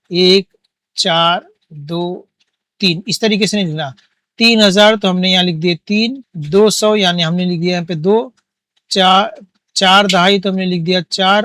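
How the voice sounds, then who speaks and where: Male teacher, high voice, patient counting-aloud lesson delivery. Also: steady tone, normal speed, a bit bright, no echo. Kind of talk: classroom maths lesson.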